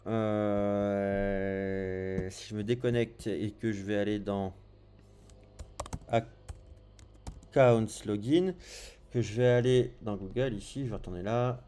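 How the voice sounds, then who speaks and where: Tutorial host: male, French accent, deep-ish warm tone, relaxed screen-share narration full of small fillers. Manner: thinks aloud while clicking through screens, frequent "hop" and "euh". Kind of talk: casual screencast coding tutorial.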